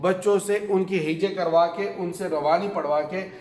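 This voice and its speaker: A man's voice: sits high, steady tone, a little mellow. A man with a Pakistani Urdu accent teaching a reading lesson at a board, drilling questions and answers with frequent filler sounds. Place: classroom with a board. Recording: echoey room with long reverb.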